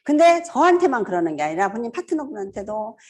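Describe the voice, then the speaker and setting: A woman in her fifties giving a casual seminar talk, animated and laughing often as she acts out greetings. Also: on the high side, fast talker. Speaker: seminar speaker.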